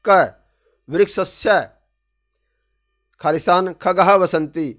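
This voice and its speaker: A man's voice: sits high, slow. A man teaching a textbook lesson, reading each phrase and then explaining it plainly. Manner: calls out drill words loudly one by one. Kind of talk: line-by-line textbook translation lesson.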